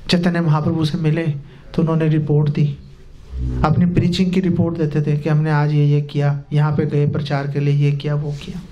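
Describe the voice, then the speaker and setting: A man, a spiritual teacher, telling a sermon story to a live audience, animated and joking with his listeners. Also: fairly high pitch, a little fast, highs cut off.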